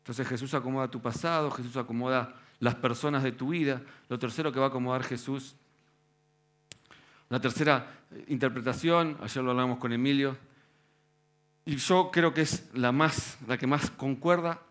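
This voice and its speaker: A man's voice: mid-range voice, normal speed, a bit bright. A man preaching a sermon in a conversational Rioplatense accent, using casual slang and rhetorical questions. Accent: Rioplatense Spanish.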